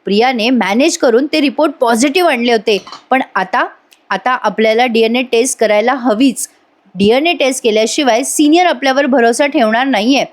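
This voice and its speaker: A woman's voice: fairly high pitch, moderate pace, close to an everyday voice. A woman voicing a teasing young husband who jokes with mock alarm in a TV serial recap. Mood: earnest. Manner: joking, mock-alarmed exclamations.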